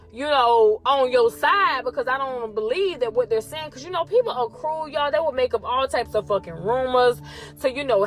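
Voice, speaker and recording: A young woman host telling a story in a casual, animated way, swearing often and talking straight to her listeners. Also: high-pitched. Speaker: podcast host.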